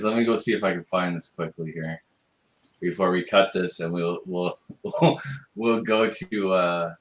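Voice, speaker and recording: Brief: rambling, foul-mouthed male host, lowish voice, echoey room. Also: a bit bright. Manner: rambling, profane, laughs often. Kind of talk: casual chat.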